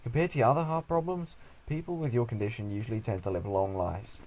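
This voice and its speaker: A man reading as a calm male doctor. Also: medium pitch, fast talker, a little hiss or hum, close to an everyday voice. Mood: earnest. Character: calm male hospital doctor, middle-aged.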